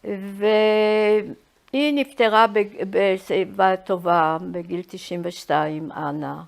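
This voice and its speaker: An elderly woman tells stories from her own life. She pauses and restarts as she searches for the next word, speaking at a middle pitch for a woman. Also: steady tone, gravelly. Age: 80s. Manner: halting, searching for words. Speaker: Holocaust survivor giving testimony. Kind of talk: personal reminiscence, storytelling.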